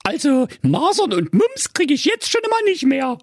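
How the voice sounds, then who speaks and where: A man voicing a sweet, dreamy woman pediatrician in a high, sing-song falsetto. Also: huge pitch swings, measured pace, no echo, clean studio sound, heavily acted. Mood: dry.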